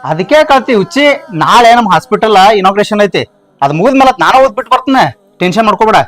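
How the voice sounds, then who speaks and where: A man's voice: high-pitched, animated, quick pace, fairly bright tone, no room sound, faint music behind. An actor with a North Karnataka Kannada accent, playing a blunt young husband who questions his wife brusquely. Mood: concerned questioning. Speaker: actor in a village comedy film.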